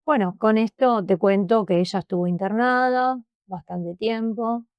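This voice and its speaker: A woman with a Rioplatense Spanish accent, an interview guest giving a personal testimony, speaking emotionally and haltingly and often repeating words. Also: mid-range voice, dry recording, dull audio.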